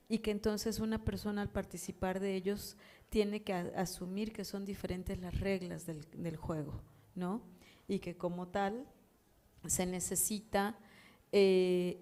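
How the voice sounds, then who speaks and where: Woman talking on a uni panel, calm and measured, soft warm voice. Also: medium pitch. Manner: measured, ends points with tag questions. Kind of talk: academic panel discussion.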